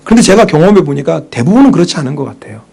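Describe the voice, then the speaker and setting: Husky-voiced male pastor preaching. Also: fairly high pitch, very fast. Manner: animated, asks the congregation questions and answers them; drops to a whisper for inner thoughts. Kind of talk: sermon.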